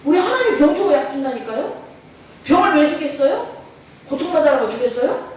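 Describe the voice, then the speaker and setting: A middle-aged woman pastor preaching with a lively, swinging voice that sits a bit high. She laughs often and draws answers from the congregation. The sound is roomy and distant, with a long echoing church reverb and faint hiss behind it. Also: fairly quick. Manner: lively preaching with frequent laughs and call-and-response. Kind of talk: sermon. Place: church sanctuary. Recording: echoey church hall from far off.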